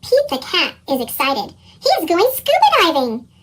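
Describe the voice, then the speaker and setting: Squeaky chipmunk-voiced storybook narrator. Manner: slow, lively reading. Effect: pitched-up chipmunk voice effect. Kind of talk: scripted children's story read-aloud.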